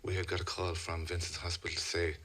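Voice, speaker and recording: A middle-aged man with a west of Ireland accent, giving a personal account in a radio interview in measured, halting phrases. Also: sits low, completely flat delivery, bright, forceful tone, slightly rough. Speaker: interview guest, a father telling a family story.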